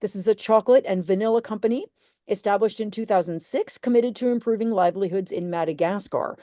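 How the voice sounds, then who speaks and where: A woman's voice: medium pitch, fast, dark tone, no room sound, clean studio sound. A woman moderating an online panel, introducing speakers in a chatty way with many fillers and self-corrections.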